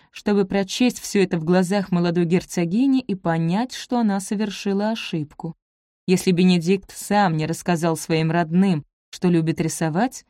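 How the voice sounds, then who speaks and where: A woman narrating a novel in an even, measured reading. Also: on the low side, dry recording, clean studio sound. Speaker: audiobook narrator. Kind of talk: scripted narration.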